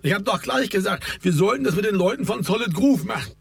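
A man's voice: sits high, lively intonation, fast, gravelly, dry recording, studio quality, pitched above the performer's own voice. A man voicing a tired, teasing male club organizer who mocks his friend. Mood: mocking. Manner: mocking, calls across the room.

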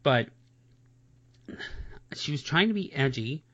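A man's voice: mid-range voice, expressive, slow pace, fairly bright tone. A man in a casual reaction chat, talking bluntly and swearing, often repeating "seriously" and "honestly.". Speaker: music reaction co-host. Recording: dull lo-fi sound.

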